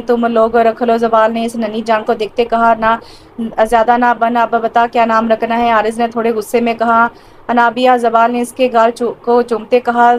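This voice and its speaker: A woman reading a romance audio novel aloud, voicing every part herself in a steady reading pace with small slips and restarts. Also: fairly high pitch, slight background noise, poor audio.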